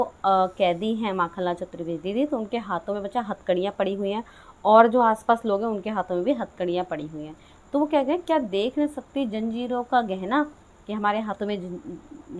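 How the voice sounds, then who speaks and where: A woman teacher with a mid-range voice, talking like a tutor to her pupils. She reads poetry lines slowly and with weight, then breaks into fast, conversational explanations full of small tag questions. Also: medium pitch. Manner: addresses listeners as "बच्चा", reads verses slowly then explains in quick chatty asides. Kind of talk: Hindi poetry lesson explaining a class nine text.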